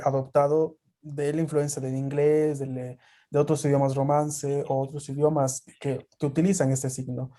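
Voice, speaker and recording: A man's voice: mid-range voice, dark tone. A man teaching a language class over a video call, explaining patiently with many fillers. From Peru.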